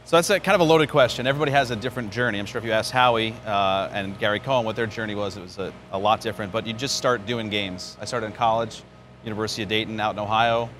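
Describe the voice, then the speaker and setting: A New York man who calls baseball games on the radio answers interview questions, telling stories in a conversational way. His voice is lowish, quick and a bit bright. He's outdoors at a spring training ballpark, with clear outdoor ambience in the background.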